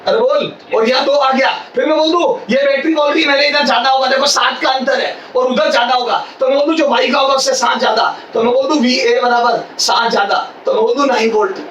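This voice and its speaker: A male physics teacher with a Rajasthani Hindi accent, lecturing a class loudly and drilling his students with questions. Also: very high voice, fairly quick, few pauses, dull audio, slight background noise. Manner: loud, drilling, calls on students. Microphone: camera at a distance. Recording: echoey classroom, far from mic.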